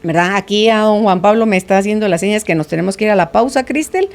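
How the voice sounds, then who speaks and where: A woman's voice: medium pitch, quick pace. Chatty woman hosting a radio talk show. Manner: chatty, reads listener messages aloud. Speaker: radio podcast host. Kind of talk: casual on-air interview hosting.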